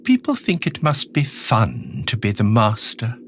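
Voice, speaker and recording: An actor playing a decaying, skeletal alien villain in an audio drama monologue, charming, sinister and self-pitying, confiding in the listener with sardonic relish. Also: male voice, mid-range voice, wildly swooping pitch, fairly bright tone, slight background noise. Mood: quietly menacing. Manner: theatrical, confiding, sardonic, drawn-out menacing phrases.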